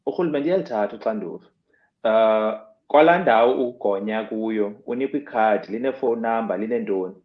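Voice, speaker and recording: A man's voice: fairly low pitch, fairly quick. A man with a South African Xhosa accent explaining things as a radio interview guest, switching between two languages, in muffled, roomy audio. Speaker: health expert guest.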